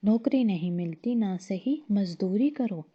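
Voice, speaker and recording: A woman's voice: medium pitch, animated, unhurried, husky. A woman voicing a hardworking female duck wife who scolds and nags her lazy husband, in a slightly dull lo-fi recording. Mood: scolding. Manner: scolding, nagging.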